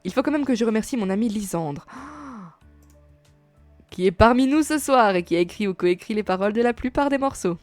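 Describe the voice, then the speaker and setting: A woman's voice: medium pitch, lively intonation, moderate pace, a little mellow, no room sound, lightly acted. A woman voicing a young male rock singer who politely announces to a bar crowd, in her own plain voice, over faint music. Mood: announcing.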